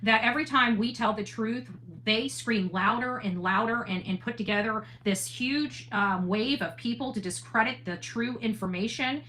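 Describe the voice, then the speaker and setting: A woman with a high-sitting, sharp-toned voice hosts an online livestream at normal speed with few pauses, and the audio is poor. Her casual, earnest monologue answers chat, and she often repeats and rephrases points for emphasis.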